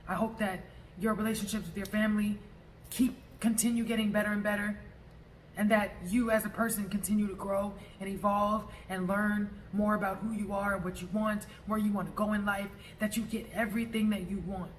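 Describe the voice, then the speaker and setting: An assertive vlogger speaks plainly and emphatically in a mid-pitched voice, as if addressing someone directly. The talk is casual and salted with profanity, over a faint layer of background noise. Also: flat delivery, a little fast, low-quality recording. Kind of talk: personal vlog monologue addressed to a former friend.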